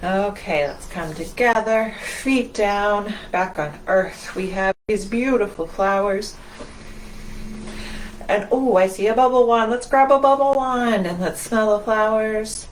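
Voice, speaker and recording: A woman children's librarian runs a storytime with movement and read-aloud, encouraging young children in a singsong way. Her medium-pitched voice is a little slow, and the rough recording has slight background noise.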